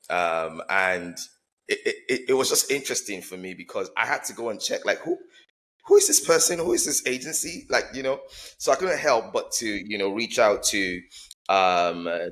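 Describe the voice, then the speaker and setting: A man's voice: low-pitched, fairly bright tone. A man hosting an interview podcast, talking in a rambling way with many ums and restarts. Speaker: podcast host. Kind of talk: conversational interview.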